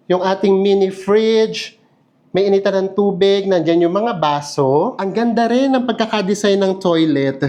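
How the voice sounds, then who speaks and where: Chatty high-voiced man. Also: darkish tone. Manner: chatty, laughs often, playful asides. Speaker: travel vlogger. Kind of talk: casual hotel room tour. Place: hotel room.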